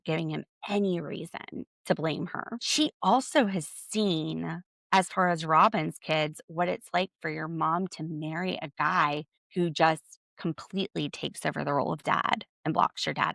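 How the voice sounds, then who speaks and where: A podcast host recaps a TV show solo in a lowish, gravelly, slightly bright voice heavy with vocal fry. She is blunt and opinionated, tossing in sarcastic jabs. The audio is dry and close, with no room sound at all.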